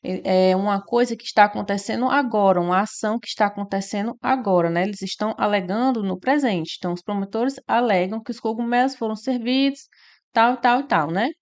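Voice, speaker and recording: A woman's voice: mid-range voice, a little fast, highs cut off. Woman, teacher, exam-prep lesson, step-by-step explaining, frequent tag questions.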